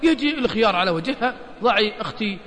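A man's voice: sits high, quick pace, big-room sound. A man with a Gulf Arabic accent preaching a colloquial sermon, joking and telling anecdotes while he keeps asking his listeners "isn't that right, brothers?". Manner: animated, joking, addresses audience as brothers. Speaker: religious preacher.

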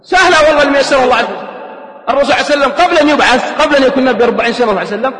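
A man with a Saudi accent giving a lively, humorous sermon and acting out the voices of the people in his stories. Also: extremely high pitch, very fast. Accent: Saudi Arabic. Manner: animated, acts out quoted voices. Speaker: preacher. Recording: echoey hall reverb.

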